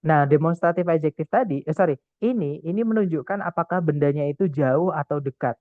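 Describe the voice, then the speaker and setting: A man's voice: fairly high pitch, a little fast, no echo. A man tutoring an English test class in a casual online lesson, explaining step by step and often adding filler words. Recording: tinny phone-like sound.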